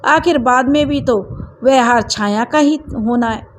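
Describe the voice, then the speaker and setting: A woman storyteller hosting her own channel, reading a family story aloud in a steady, expressive way. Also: high-pitched, measured pace, a little hiss or hum. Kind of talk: scripted story narration.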